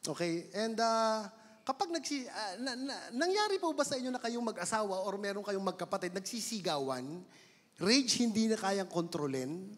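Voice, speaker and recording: A man's voice: high-pitched, animated, normal speed. A man with a Filipino accent preaching a sermon in a church, switching between Tagalog and English and stretching out words for emphasis. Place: church hall. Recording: long church hall reverb.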